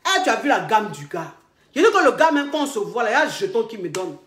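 A woman with an Ivorian French accent, working as a relationship coach, telling comic stories. She is expressive, repeats herself, laughs often and acts out the dialogue. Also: mid-range voice, fast talker. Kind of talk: animated comic storytelling. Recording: echoey room.

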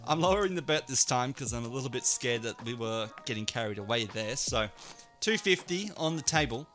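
A man commentating his own live blackjack play, excitable and swearing a lot, swinging from low muttering to loud shouts. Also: normal speed, faint music behind. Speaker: online casino streamer.

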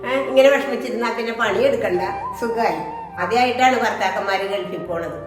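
A woman's voice: a little high, moderate pace, music in the background, lightly acted. A woman playing a nagging mother-in-law. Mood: scolding. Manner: nagging, scolding with repeated challenges. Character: domineering scolding mother-in-law, middle-aged woman. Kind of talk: amateur short-film acting.

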